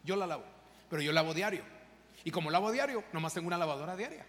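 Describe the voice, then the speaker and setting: Speaking straight to his congregation, this male pastor preaches with passion in a fast, animated voice that sits on the high side and sounds a bit bright. Faint noise and the lingering echo of a big hall fill the church sanctuary recording.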